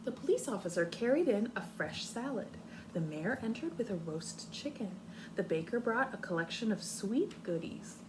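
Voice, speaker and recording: With a mid-range voice, a woman teacher tells a story to young kids in a careful, expressive manner, breaking off to pose questions. There is noise in the background.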